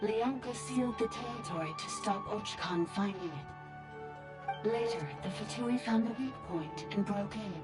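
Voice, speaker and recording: An old service robot speaks over a broken link, its voice glitching and cutting out as the signal breaks up. The delivery is flat and clipped, like a status report, at an ordinary middle pitch for a woman. It sounds like a video game cutscene. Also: unhurried, over loud music. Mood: terse. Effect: glitching, choppy signal breaking up. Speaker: service bot contacting the party remotely.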